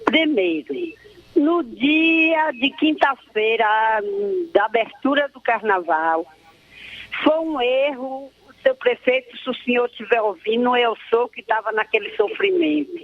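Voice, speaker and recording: A woman's voice: on the high side, lively intonation, measured pace, no echo. A woman caller, speaking earnestly and devoutly in a rambling way, heard over a phone line. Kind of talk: emotional call-in complaint.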